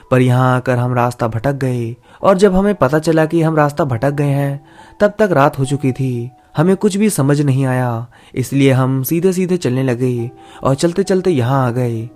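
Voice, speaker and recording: A man narrating a first-person horror story in a steady, dramatic storytelling manner. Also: medium pitch, measured pace, faint music behind.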